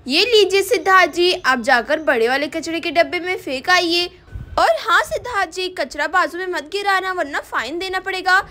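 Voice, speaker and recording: A woman's voice: extremely high pitch, normal speed, bright, forceful tone. A woman voicing a busy young housewife who chats to herself and scolds her husband in a doll story. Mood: scolding. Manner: chatty, scolding, talking to herself.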